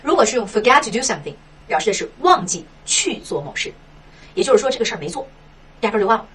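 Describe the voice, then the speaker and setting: A woman teaching an English textbook lesson in Mandarin, asking herself questions and tagging many lines with a quick "right?". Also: fairly high pitch, distant mic, slight background noise. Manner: lively, rhetorical questions, frequent "是吧".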